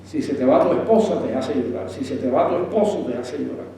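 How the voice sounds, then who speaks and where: Male pastor, sermon delivery, quizzes the congregation, loud then hushed, set back from the mic in a very echoey sanctuary. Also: mid-range voice, animated, fairly quick, gravelly. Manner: asks the congregation questions, swings from loud to hushed. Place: church sanctuary. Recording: echoey room, voice from a distance.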